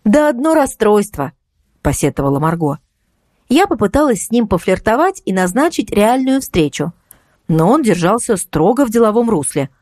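A woman's voice: medium pitch, sing-song, moderate pace, darkish tone, dry recording, clean studio sound, voice pushed up. A woman voicing a chatty, curious young woman friend in an audiobook. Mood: glum.

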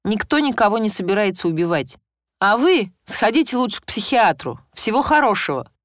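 A woman's voice: mid-range voice, sing-song, a little fast, no room sound, studio quality, pitched above the performer's own voice, natural voice. A woman voicing a grumpy, stern male police sergeant who talks curtly, in a military manner. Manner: grumbling, curt, military-strict.

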